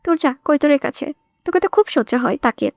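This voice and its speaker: A jealous, hot-tempered young man snaps in short, scornful lines, as a woman narrator puts him on. The voice sits fairly high and sounds dry and close. It is an audiobook drama. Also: lively intonation, a little fast, darkish tone, dry recording. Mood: angry. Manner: curt and scornful.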